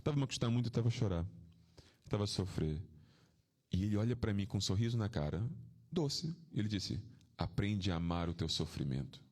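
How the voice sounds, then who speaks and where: A man speaks as a spiritual teacher in an informal talk to his devotees. He is reflective and tells personal stories, asks rhetorical questions, and often lets his voice sink into a soft, low register. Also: expressive, a little fast, long pauses.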